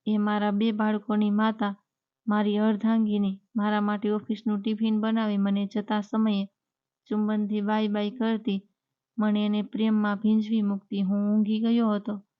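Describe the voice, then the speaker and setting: Flat-voiced woman storyteller, lo-fi. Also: mid-range voice, moderate pace. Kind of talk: scripted first-person story narration. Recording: dull lo-fi recording.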